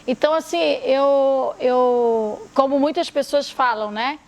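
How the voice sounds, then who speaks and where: Woman, therapist on a podcast, high voice, talks big and emphatic. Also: slow pace. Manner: expressive, emphatic storyteller. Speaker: guest therapist. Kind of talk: podcast conversation.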